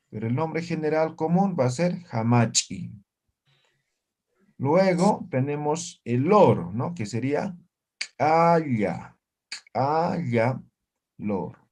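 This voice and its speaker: A man leads a relaxed online language lesson at an unhurried pace. His pitch moves up and down a lot as he says each word twice. He keeps checking in with the class as he goes. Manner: slow and lively, repeats each word and keeps asking the class "¿no?". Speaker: Aymara language teacher.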